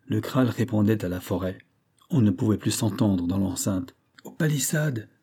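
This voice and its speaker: A man narrating a classic adventure novel as an audiobook in a measured, steady way. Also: on the low side, breathy edge.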